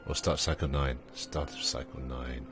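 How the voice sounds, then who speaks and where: A man with an extremely deep, low voice and a steady tone rambles through a let's play for his gaming channel. He fills pauses with ums and uhs and chats to his on-screen characters while quiet game music plays faintly beneath him.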